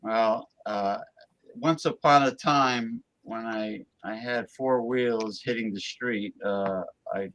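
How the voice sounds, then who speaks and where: A man's voice: medium pitch, takes it slowly, fairly bright tone. A man talking casually and informally in a group chat.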